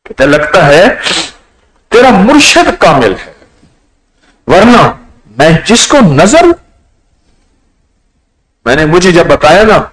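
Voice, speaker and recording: Male preacher telling anecdotes from the pulpit, pitched a little high, voice swinging widely as he acts out each story. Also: low-quality recording. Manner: animated storyteller who acts out the people in his anecdotes. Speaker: religious speaker. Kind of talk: storytelling sermon.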